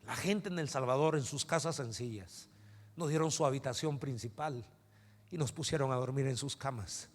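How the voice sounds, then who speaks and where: A man, a pastor telling a story in a sermon and building to loud climaxes, recorded at a conference. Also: mid-range voice, normal speed. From Guatemala. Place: large conference hall. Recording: reverberant conference hall.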